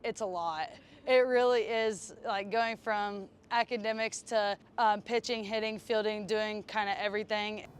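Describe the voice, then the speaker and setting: A young woman, a college softball player, answering interview questions casually with many fillers. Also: medium pitch, fairly even intonation, a little slow, clear, resonant tone. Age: young adult.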